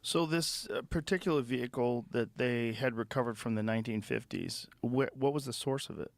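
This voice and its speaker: A man's voice: medium pitch, moderate pace, gravelly, dry recording. A man interviewing someone with direct, probing questions.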